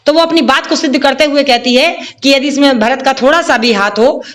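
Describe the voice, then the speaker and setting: A woman teacher explaining a Hindi poem, reciting verses slowly and then paraphrasing them in plain words. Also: high-pitched.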